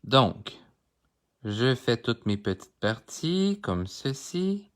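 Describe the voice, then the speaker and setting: A man's voice: medium pitch, very animated, drawn-out words. A man with a Québécois accent giving a live coloring tutorial, chatting directly with his viewers as he works. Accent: Québécois French. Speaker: art instructor. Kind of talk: live-streamed drawing tutorial.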